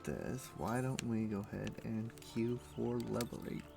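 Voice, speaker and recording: With music in the background, a man still in his morning voice streams a game, loosely commentating and tossing gamer slang at his viewers. He speaks a little slowly in a fairly low, expressive voice with some vocal fry.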